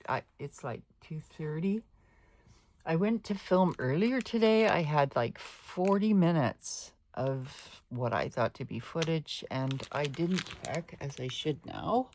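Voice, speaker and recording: An older woman chatting casually to her viewers in a vlog. She is short of breath and talks in a halting way, with many ums and restarts. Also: low voice, expressive, a little mellow, slight background noise. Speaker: planner vlogger.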